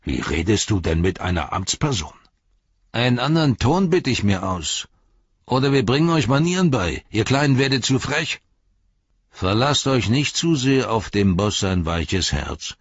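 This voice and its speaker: Man reading menacing brutish ruffian, mocking, husky, dry dull recording. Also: mid-range voice, very animated, normal speed, no room sound, pitched above the performer's own voice. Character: large brutish human ruffian, sneering bully.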